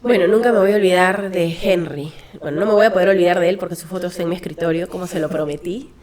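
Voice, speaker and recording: A woman's voice: fairly low pitch, quick pace, a crowd in the background. A Peruvian woman, a hospice founder, speaking in an earnest, reflective way and telling a story in an interview, with frequent fillers and restarts. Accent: Peruvian Spanish. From Peru. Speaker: guest, founder of a children's hospice.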